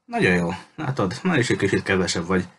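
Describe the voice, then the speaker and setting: A man's voice: low voice, very animated, a bit bright, slight background noise, exaggerated voice. Captain Spencer, a man voicing a menacing pirate captain. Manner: threatening, mocking, coldly polite. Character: cruel menacing male pirate captain, adult. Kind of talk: audiobook character reading.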